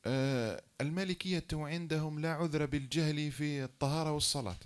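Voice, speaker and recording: Man lecturing in class, somewhat higher voice, methodical, repeats key points. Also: brisk, smooth. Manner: explains rules point by point, repeating key phrases; acts out example phrases, then drops low to rule them invalid.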